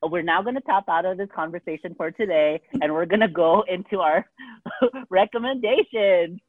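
A man's voice: high-pitched, brisk, no room sound. A man co-hosting a podcast in casual chat, rambling with lots of "like" and "um" fillers. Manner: rambling, heavy use of "like" and "um". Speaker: podcast co-host. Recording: tinny phone-like dry sound.

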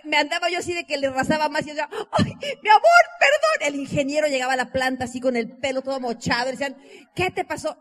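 A Mexican woman with a Mexican accent, telling her life story to an audience in an animated way, acting out dialogue and often saying "o sea". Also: high-pitched. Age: 20s. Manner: expressive, acts out dialogue, laughs, uses "o sea" and "¿no?" a lot.

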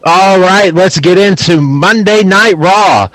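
A man with a high voice co-hosts a casual wrestling chat. He gives his opinions bluntly, recorded dry with no room sound. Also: slow, fairly bright tone, no room sound, low-quality recording. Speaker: podcast co-host.

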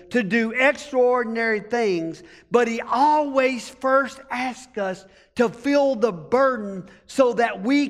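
In a large hall, a male pastor from the rural United States preaches a folksy sermon in a very high-pitched, fairly bright voice with an American country accent. He tells stories and calls on the congregation to answer back.

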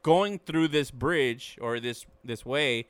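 A man co-hosting a podcast, telling a story in a relaxed way with frequent restarts. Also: medium pitch, slow pace, clean tone, dry recording. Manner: laid-back storytelling with many restarts. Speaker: podcast co-host. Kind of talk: casual chat.

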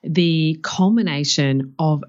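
A woman's voice: deep voice, slow pace, a little mellow. A woman with an Australian accent co-hosting a podcast in a casual, conversational style. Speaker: podcast co-host. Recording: slightly dull, lo-fi audio.

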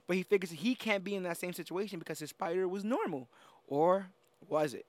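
High-voiced man recapping a plot. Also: a little fast, dry recording. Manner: loose and chatty, with many fillers. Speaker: podcast host recapping a film. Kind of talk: casual chat, summarizing a plot.

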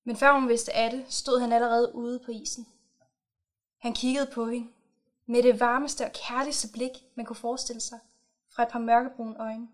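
A woman reads aloud a short story she wrote herself, in a measured storytelling manner. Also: a little high, flat delivery. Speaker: author. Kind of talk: reading her own short story aloud.

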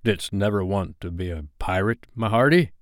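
A man voicing a gloating, menacing pirate captain who draws out his words slowly in a storybook reading. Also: on the low side, no echo, studio quality, close to an everyday voice. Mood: sly coaxing. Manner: slow, drawn-out, roaring or syrupy menace.

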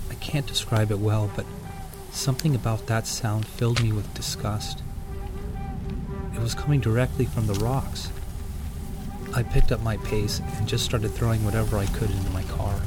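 A man narrating a first-person scary story in an earnest, uneasy way. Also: fairly low pitch. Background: background music.

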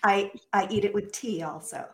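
A woman's voice: mid-range voice, normal speed, a bit bright. A woman hosting a podcast in casual chat, agreeable and easygoing, wrapping up the show with reminders to listeners. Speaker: podcast host.

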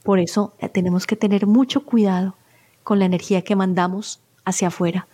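A woman's voice: mid-range voice, fairly even intonation, brisk, mellow, husky. A middle-aged woman, a spiritual therapist, speaks as an interview guest and tells personal stories in an earnest, heartfelt way. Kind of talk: interview conversation, personal storytelling.

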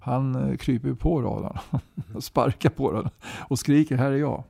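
Gravelly-voiced man in his sixties. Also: medium pitch, dark tone, no room sound, studio quality. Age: 60s. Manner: talkative, tags sentences with "va?". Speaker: guest, musician and movement leader. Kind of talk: casual conversational interview.

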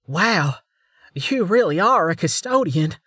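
A man voicing a nervous young woman police officer who reads truth, high and stammering. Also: expressive, slow, fairly bright tone, husky, no echo, studio quality, full character voice. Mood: startled.

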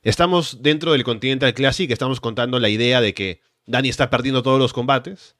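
A man's voice: medium pitch, a little fast, a bit bright, no room sound. Male podcast host, mid-range voice, dry recording, conversational sports recap delivery.

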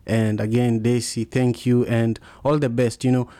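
A man with a strong Kenyan accent hosts a conversational podcast. He grew up speaking Luo and Kiswahili, and his voice sits at a middle pitch in a dry, close recording. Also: level tone, normal speed, dark tone, dry recording. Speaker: podcast host. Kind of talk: casual conversational interview.

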